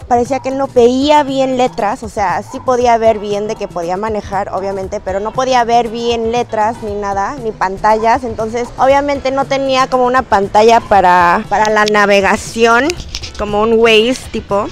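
Young woman vlogger, bright-ish voice, animated storyteller, handheld camera, light music underneath. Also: fairly high pitch, moderate pace. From South Korea. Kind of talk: casual travel vlog narration.

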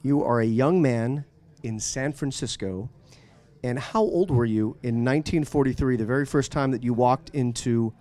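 A man's voice: medium pitch, normal speed, warm tone. A male radio host interviewing a guest, asking questions in an eager, emphatic way. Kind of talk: enthusiastic interview. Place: at a live event.

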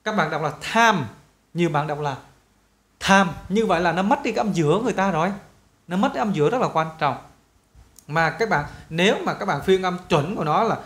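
A young man with a Vietnamese accent teaching an English pronunciation lesson, drilling each model word slowly and loudly. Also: high voice, roomy sound. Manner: lively, repeats model words slowly and loudly.

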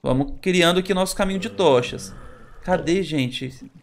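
A Brazilian man talks his way through a Minecraft session, addressing his viewers and letting out nervous exclamations. His voice sits a bit high for a man. There is a faint hiss under the recording. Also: normal speed, creaky. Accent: Brazilian Portuguese. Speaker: gaming channel host. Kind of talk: Minecraft let's play commentary.

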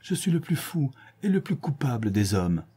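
A man's voice: a little high, animated, moderate pace, warm tone, husky, voice pushed up. A man voicing an ardent, remorseful young lover in a storybook, pleading in a raised voice. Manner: pleading, emotional delivery.

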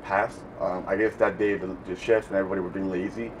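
A man's voice: low voice, little pitch movement, fast talker. A man who manages a restaurant answering interview questions indoors in a hesitant, apologetic way. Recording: distant mic with ambient noise.

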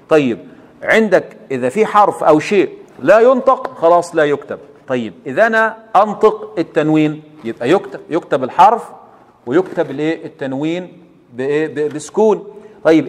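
An Egyptian-accented man teaches in a recorded lesson, his voice sitting high for a man. He keeps quizzing the listener and praising each answer. A long reverb trails every phrase, as in a big hall. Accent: Egyptian Arabic.

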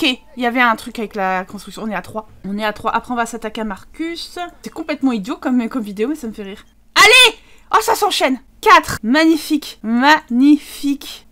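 A woman gaming streamer with a high-pitched, fairly bright voice gives casual, joking commentary over a life-simulation game, chatting to the characters as she plays.

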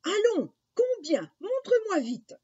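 A woman voicing a poor widowed mother who wails and scolds in a high, strained voice. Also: expressive, a little slow, dark tone. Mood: angry scolding. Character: poor widowed mother, anxious and quick-tempered. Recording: dull lo-fi recording.

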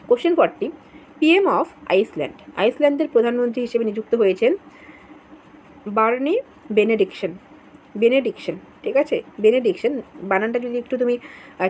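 Patient woman teacher, names repeated slowly. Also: medium pitch, darkish tone, slight background noise, rough recording. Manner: explains patiently, repeats names, asks and answers own questions. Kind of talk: exam-prep current affairs lesson.

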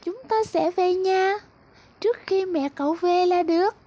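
A woman voicing a small, chirpy female butterfly in a children's story, with a squeaky, singsong voice pitched very high. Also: measured pace, warm tone, no room sound. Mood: coaxing.

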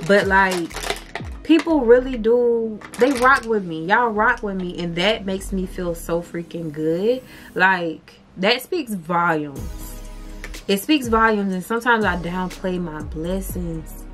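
A woman's voice: mid-range voice, slow, soft background music. A young woman, a beauty vlogger chatting heartfelt to her viewers, calling them "y'all.". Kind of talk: casual chat to camera.

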